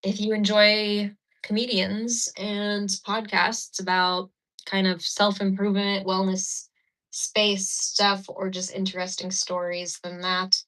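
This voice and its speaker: The recording is rough: a Ukrainian woman's mid-range, slightly bright voice as she hosts a casual phone-recorded livestream. She chats with viewers and laughs while doing her makeup indoors at a mirror.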